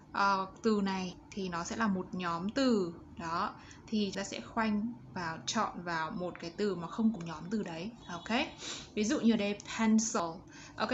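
A woman teaching young children, walking through exercises and modeling English words slowly for them to repeat. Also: mid-range voice. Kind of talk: step-by-step exercise walkthrough. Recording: slightly dull audio with faint background noise.

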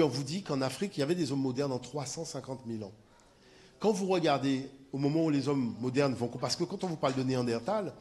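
A man's voice: a little high, a little mellow. A man lecturing at a conference, speaking emphatically and often checking that listeners follow. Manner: emphatic, repeats "voyez" to engage listeners. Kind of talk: lecture with audience discussion.

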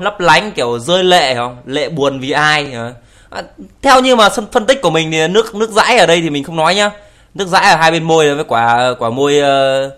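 A man's voice: on the high side, pushed and bright. A young man casually commenting on video clips, teasing and joking, laughing often and swearing in English. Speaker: YouTuber reacting to videos.

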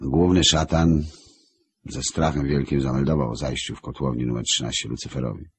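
A man narrating an audiobook in a wry storytelling manner, with a husky voice. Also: a bass voice, steady tone, brisk.

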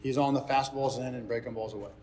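A head baseball coach, a man in his thirties, talks fast in a steady, darkish, mid-range voice. Speaking unscripted to the press, he explains things earnestly and leans on repeated phrases for emphasis. Background ambient noise can be heard.

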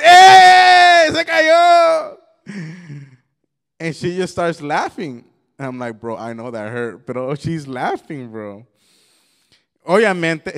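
A young adult man giving a youth sermon, switching between Spanish and English and telling stories with lots of animation. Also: medium pitch. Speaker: youth pastor.

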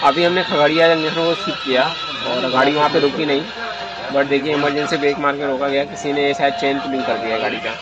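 A man's voice: a little high, steady tone, fast talker, muffled recording. A man vlogging a train journey, giving a running commentary from inside a moving sleeper carriage on a handheld phone. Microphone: phone camera held by the filmer. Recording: loud train noise behind.

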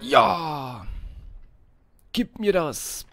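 A man commentating his own gameplay, yelping, swearing and shouting orders at the game character. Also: sits high, big pitch swings, drawn-out words, gravelly. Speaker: let's play host.

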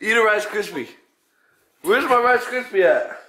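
Dude groaning over a spicy chip, voice bouncing up and down, kinda high, echoey room. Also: male voice, expressive, measured pace, sharp tone. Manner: groaning, reacting to spicy food. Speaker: vlogger taking a spicy chip challenge. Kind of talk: casual chat. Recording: echoey room with background noise.

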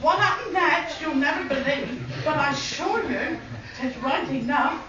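A woman with a high, expressive voice, speaking a little slowly, reads a rhyming wedding speech from a sheet and chuckles often. She's a guest at a wedding celebration in an indoor party room, captured by a camcorder across the room, so the audio is distant, echoey and dull, with room chatter and background noise.

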